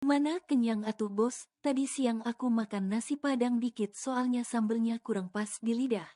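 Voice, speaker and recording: A woman's voice: fairly high pitch, moderate pace, mellow, lightly acted. A woman reading a chatty sulky young woman. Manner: complaining, informal slangy speech.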